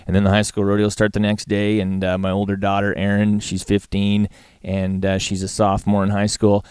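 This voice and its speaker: Low, even-voiced Western Canadian man. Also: a little fast, clear, resonant tone, no room sound, studio quality. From Alberta, Canada. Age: middle-aged. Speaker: guest, livestock auctioneer and former calf roper. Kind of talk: casual interview chat.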